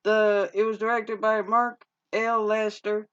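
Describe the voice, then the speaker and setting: Woman, casual movie recap, unhurried, rambling with restarts, dull lo-fi sound. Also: medium pitch, level tone, fairly bright tone, smooth. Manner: rambling and informal, with frequent restarts and slang. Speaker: movie reviewer. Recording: dull lo-fi recording.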